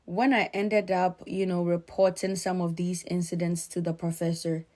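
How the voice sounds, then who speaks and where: A woman from Ghana with a Ghanaian accent, giving earnest, emphatic spoken commentary in a measured way. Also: on the low side, flat delivery, a little mellow.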